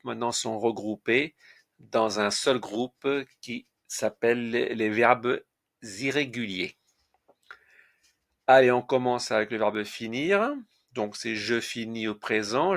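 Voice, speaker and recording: A man teaching a French conjugation lesson, slowly reciting verb forms and spelling out their endings letter by letter. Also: mid-range voice, creaky, a bit bright. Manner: slow, deliberate, spells out word endings letter by letter.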